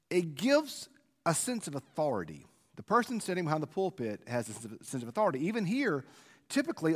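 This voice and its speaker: A male preacher giving an informal, conversational devotional on scripture in a halting way, his voice echoing through a church sanctuary like a cathedral. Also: a little high. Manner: conversational, halting with repeated words. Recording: echoey church sanctuary, long reverb.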